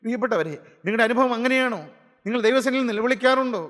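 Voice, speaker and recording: A man's voice: extremely high pitch, very fast, fairly bright tone, big-room sound. A male preacher delivering an impassioned gospel sermon, firing off rhetorical questions and repeated phrases.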